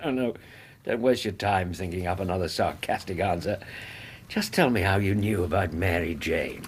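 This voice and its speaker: Husky, genial Doctor Watson. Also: male voice, low voice, moderate pace. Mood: amused, bantering. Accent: English. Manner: hearty, good-humoured, gentlemanly. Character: genial, admiring male Victorian doctor, loyal friend. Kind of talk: British radio drama acting.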